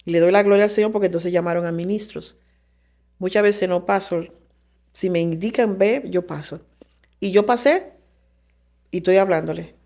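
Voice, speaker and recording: Fervent woman sharing a faith testimony. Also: medium pitch. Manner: animated storytelling, acting out quoted voices; preacherly and fervent. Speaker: guest.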